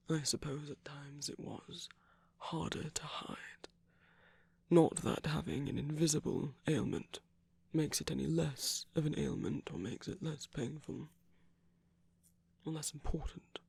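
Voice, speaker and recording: In an intimate ASMR roleplay, a man plays a gentle, wry magic-using villain comforting a loved one, speaking softly with a breathy, husky, slightly creaky voice. His fairly high pitch stays steady, though the voice is exaggerated, and the delivery is measured, halting and hushed, with pauses. The mood is wistful and confiding.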